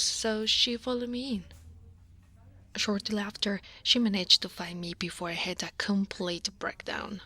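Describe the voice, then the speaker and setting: An Italian woman with an Italian accent voices a tired, guarded female dragon who works in an office, for an ASMR roleplay. Her medium-pitched, breathy voice stays close to the mic in a soft, weary half-whisper.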